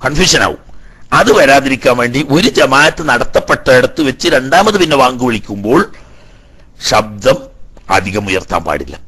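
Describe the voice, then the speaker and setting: Husky bright-voiced man teaching a class. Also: medium pitch, lively intonation, normal speed. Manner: explains Arabic text line by line, then paraphrases; asks the class rhetorical questions. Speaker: religious teacher. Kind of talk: Islamic law class lecture.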